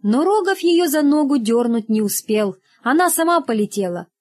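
A woman narrating a humorous children's story in a lively, playful storytelling manner. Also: high-pitched, moderate pace. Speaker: audiobook reader.

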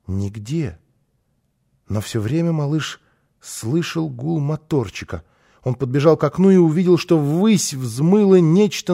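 A man narrating a children's storybook aloud in a lively, expressive manner. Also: on the high side.

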